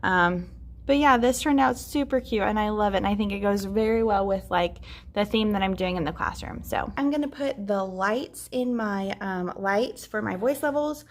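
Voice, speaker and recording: Chatting casually as she gets her classroom ready, a twenty-something woman teacher narrates her vlog in an upbeat, filler-heavy way. She speaks in a mid-range voice at a moderate pace.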